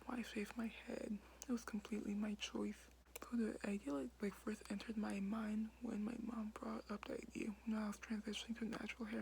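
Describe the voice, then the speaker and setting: A young woman vlogging in a hushed whisper late at night in a basement, filling her talk with "like" and "um". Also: mid-range voice, creaky, slight background noise, rough recording. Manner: whispering quietly, many fillers like "like". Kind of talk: casual whispered vlog.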